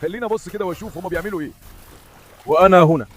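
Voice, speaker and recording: Outdoors at the seashore, a man with an Egyptian Arabic accent records a casual vlog, eagerly and affectionately calling to his dogs on a handheld microphone. His voice is high-pitched and very fast, with a little hiss or hum.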